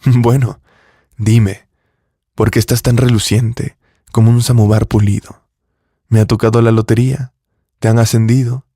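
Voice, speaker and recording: A man's voice: mid-range voice, level tone, unhurried, pauses often, dark tone, dry recording, clean studio sound. A man playing a rich, arrogant young businessman who speaks in a dismissive, controlling way. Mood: teasing.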